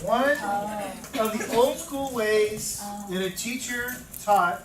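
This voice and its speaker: A man in his fifties tells lively stories as he lectures a class of teachers. His voice carries from a distance in an echoey room. Steady noise hangs behind him. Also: very high-pitched, slow. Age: 50s. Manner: animated storytelling, repeats words for emphasis. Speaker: teacher trainer. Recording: echoey room from far off, noisy.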